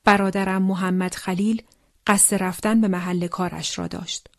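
Solemn woman narrator, hushed. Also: lowish voice, fairly even intonation, gravelly, no echo, clean studio sound. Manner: solemn, slow, often sinks to a hushed whisper. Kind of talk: scripted narration of a wartime testimony.

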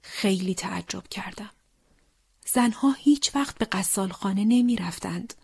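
Solemn woman narrator, hushed. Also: medium pitch, gravelly, husky, no echo, clean studio sound. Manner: solemn, slow, often sinks to a hushed whisper. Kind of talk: scripted narration of a wartime testimony.

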